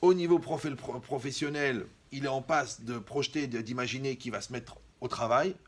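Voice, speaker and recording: A man's voice: mid-range voice, moderate pace. A man performing a stand-up comedy monologue, acting out dialogues with mocking asides.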